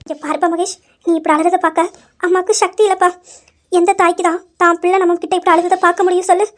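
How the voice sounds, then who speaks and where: A woman's voice: extremely high pitch, flat delivery, quick pace. A woman as a comforting, anxious mother. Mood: reassuring. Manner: soothing, pleading. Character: loving middle-aged mother, anxious and comforting. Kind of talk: amateur audio drama acting.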